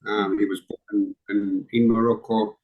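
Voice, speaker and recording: A middle-aged Israeli man with a lowish voice chats casually as an interview guest on a call, speaking at a measured pace. He sounds relaxed but hesitant, filling his speech with ums and restarts. The audio is narrow and tinny.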